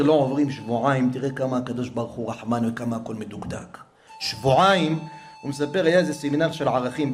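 Dramatic male preacher telling a story. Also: a little high. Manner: dramatic, swings from hushed to raised voice. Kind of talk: religious storytelling.

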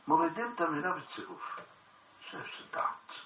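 A man's voice: fairly high pitch, sing-song, lo-fi sound, a little hiss or hum. A man giving a Torah study lecture, expounding a text and posing rhetorical questions, recorded from a distance in an echoey room.

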